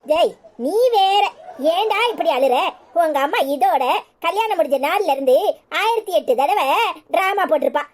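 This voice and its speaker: A woman voicing a bossy, sharp-tongued older mother-in-law in a cartoon, speaking with a Tirunelveli Tamil accent. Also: very high-pitched, expressive, moderate pace, hardly any pauses. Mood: dismissive. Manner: scolding, scornful, bossy.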